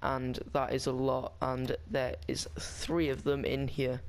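A man's voice: medium pitch, monotone, unhurried, clean tone. A man talking casually over a game walkthrough, rambling and chatty with frequent restarts. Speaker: gaming guide maker.

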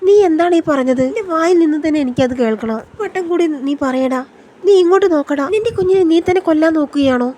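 A woman's voice: sits high, expressive, fast, a little mellow. A woman voicing a furious young man who demands the truth with threats, in a serial recap. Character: furious young man confronting his cousin.

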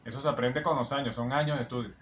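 Racing along in a mid-range, fairly bright voice with fairly even intonation, a man offers vocal analysis of a singer as the song plays, with a little hiss or hum present. He acts as an admiring, explanatory coach who often sings fragments back.

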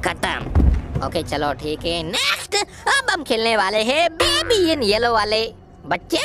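A woman's voice: a little high, huge pitch swings, takes it slowly, loud music behind the voice, exaggerated voice. Woman voicing giggly cartoon boy Kanzo. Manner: giggles often, teasing, yelps and wails in mock fright. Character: cheeky giggly young boy playing horror games. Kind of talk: comic gameplay commentary in a cartoon voice.

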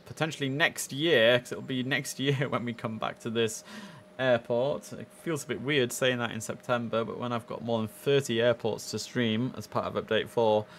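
A young man hosts a live gaming stream through a headset, chatting in a relaxed, easy way. His mid-range voice stays steady at a moderate pace, with a little background noise.

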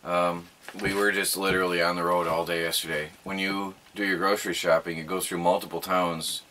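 A man's voice: deep voice, little pitch movement, fairly quick, sharp tone, a little hiss or hum. A middle-aged man in casual chat as a vlogger, laughing often, filmed by a camera across a small wooden cabin living room.

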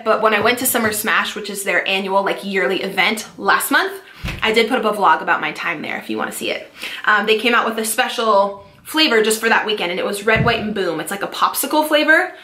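Fast, chatty fitness vlogger woman. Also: medium pitch, pushed and bright, roomy sound. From California. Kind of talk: casual product-review vlog.

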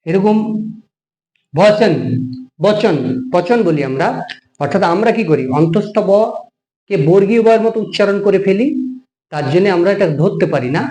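Man, high voice, grammar teacher, patient and repetitive, echoey room. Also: a little fast, pauses often, mellow. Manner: explaining patiently, repeating words for emphasis. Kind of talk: grammar lesson.

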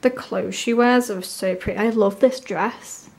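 A woman with a sore, swollen-tonsil voice from tonsillitis, chatting casually and gushing excitedly as she hosts an unboxing. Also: medium pitch, measured pace, creaky. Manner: gushing, enthusiastic. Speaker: unboxing video host.

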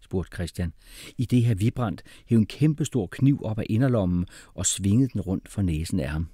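A man reading a children's storybook aloud in a playful, lively way. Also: fairly low pitch, breathy edge, dry recording, clean studio sound. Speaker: audiobook reader. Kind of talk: storybook narration.

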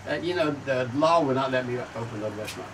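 Folksy older host, heard from afar. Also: male voice, mid-range voice, rapid-fire, music in the background. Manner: folksy, repeats words, laughs at own jokes. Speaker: cooking show host. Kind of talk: casual chat. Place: outdoor patio set with garden. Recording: distant mic, faint outdoor noise.

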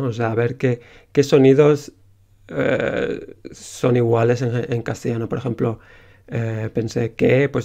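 A man's voice: mid-range voice, creaky, mellow. A young man with a Spain Spanish accent, an indie game developer telling casually how he made his game, rambling with many fillers.

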